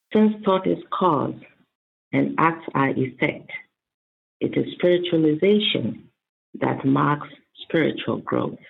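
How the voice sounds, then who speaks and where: A man speaking in measured, deliberate phrases, as a reader and participant in a devotional discussion. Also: a little high, vocal fry. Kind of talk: reading devotional texts and commenting. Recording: narrow phone line with faint noise.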